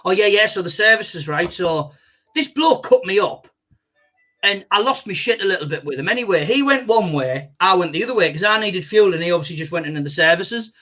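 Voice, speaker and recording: This young co-host has a high, bright voice and chats casually. Full of energy, he tells stories laced with swearing and is quick to laugh at himself.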